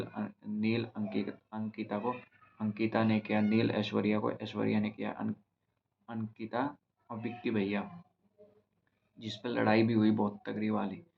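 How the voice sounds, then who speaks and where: A young man casually recapping a reality show episode in a rambling, halting way, with many restarts and fillers. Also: lowish voice, completely flat delivery, creaky. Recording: slightly dull, lo-fi recording with faint noise.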